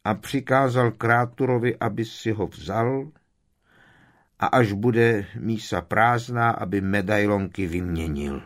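A man voicing a frail, cowed old male house-elf who croaks and speaks of himself in the third person. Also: on the low side, natural voice. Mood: tearful.

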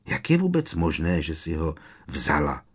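A man's voice: on the low side, animated, darkish tone. A man reading the lines of an upset, defiant teenage boy wizard in an audiobook. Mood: unhappy. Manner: protesting, indignant.

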